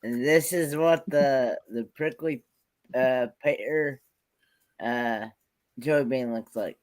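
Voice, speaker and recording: A man's voice: mid-range voice, slow. A man co-hosting a casual taste test, answering in short, mumbled bits. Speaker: co-host.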